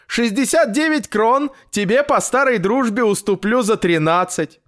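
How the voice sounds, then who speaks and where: A man voicing a fussy, chatty male tailor who rambles excitedly. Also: very high-pitched, unhurried, voice pushed up. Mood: excitable, chatty.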